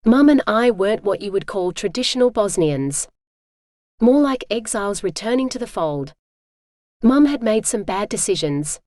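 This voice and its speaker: A synthetic woman's voice reading a first-person audiobook in a steady, even manner. She has a middle pitch, and the sound is dry and close with no room around it. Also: normal speed, no echo. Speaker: audiobook narrator. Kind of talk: scripted first-person narration.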